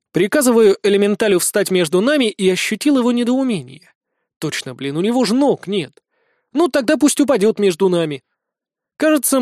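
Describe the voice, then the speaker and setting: A man's voice: sits high, a little mellow, dry recording, studio quality. A man reading first-person fantasy narration as an audiobook, with wry, sardonic asides.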